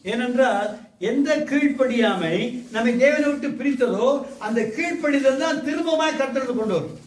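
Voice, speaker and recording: A man's voice: very high voice, moderate pace. A man preaching as a pastor, asking the congregation questions and repeating his phrases. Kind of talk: sermon. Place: church hall. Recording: echoey hall mic from a distance.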